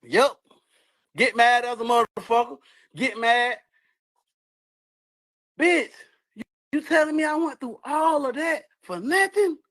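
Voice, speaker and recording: Man with a high voice, furious and venting, profane and repetitive, loud then low. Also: a little slow, long pauses. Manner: heated, profane, repetitive, jumps between shouting and muttering. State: angry. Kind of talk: angry rant.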